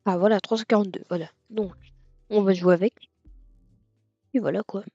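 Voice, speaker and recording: A man giving casual let's-play commentary on a racing game, rambling and hesitant with lots of fillers and sudden excited outbursts. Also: sits high, moderate pace, vocal fry, no room sound. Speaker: gaming video creator. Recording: dull lo-fi mic with faint music.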